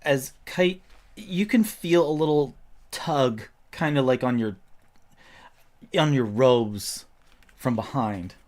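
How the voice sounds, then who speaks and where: Guy narrating as game master, lots of likes and uhs, mid pitch. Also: slow pace, long pauses, darkish tone. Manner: loose, descriptive narration with many fillers.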